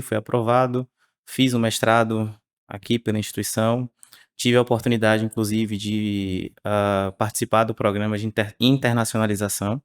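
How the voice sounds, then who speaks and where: A man, speaking as the researcher guest on a podcast interview in a measured way with frequent tag questions. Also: lowish voice, clear, resonant tone, dry recording, clean studio sound. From Salvador, Bahia, Brazil.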